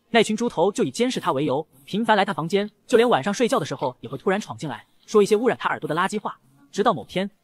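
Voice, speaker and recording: A man's voice: high voice, breathy edge. A man narrating a comic recap at speed, reading every character's lines himself. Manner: rapid, lively, voices both lovers in dialogue. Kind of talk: fast scripted story narration with acted dialogue.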